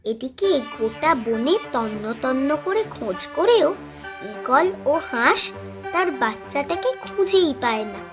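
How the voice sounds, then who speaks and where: A woman narrating a children's cartoon story in an expressive way. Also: sits high, a little slow. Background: background music.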